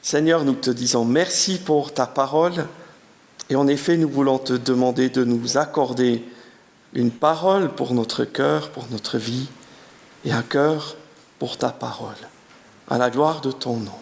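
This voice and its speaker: With a creaky, mid-range voice and an unhurried pace, this guest pastor preaches a sermon and reads from the Bible in French. He is a Swiss man in his fifties who speaks German, hails from the German-speaking part of Bern canton, and has a Swiss German accent. His manner is friendly, talkative, and self-mocking, with animated emphasis on the scripture.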